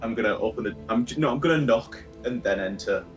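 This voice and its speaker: A man's voice: mid-range voice, lively intonation, quick pace, soft background music, rough recording. Flustered, laughing man at the table. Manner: flustered, laughing, self-interrupting. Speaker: player. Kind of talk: casual tabletop play.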